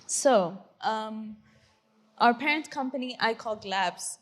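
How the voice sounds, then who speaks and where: A woman's voice: mid-range voice, a bit bright. A woman in her twenties from Ethiopia, a tech company CEO giving an earnest, conversational conference presentation with frequent fillers and tag questions. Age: 20s. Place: conference hall stage.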